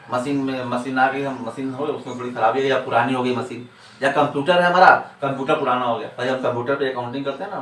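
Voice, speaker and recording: A man's voice: medium pitch, a bit bright. Man lecturing in an echoey room. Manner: repetitive, rhetorical questions answered himself. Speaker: accounting teacher. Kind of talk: explanatory classroom lecture. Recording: echoey room, distant mic, faint noise.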